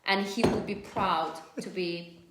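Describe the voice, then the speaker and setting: Recorded in an echoey room with a lot of noise, a Korean woman in her thirties hosts a live stream and chats in English, which isn't her native language. She tells stories with a Korean accent and loose non-native grammar. Her voice is lowish and steady, a little slow.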